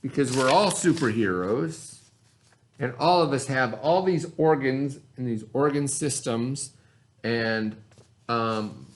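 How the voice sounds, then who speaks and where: A man teaching young children speaks slowly in a mid-range voice during a read-aloud lesson on vocabulary. As an elementary school teacher, he instructs step by step, spelling and sounding out words while checking in with "right?".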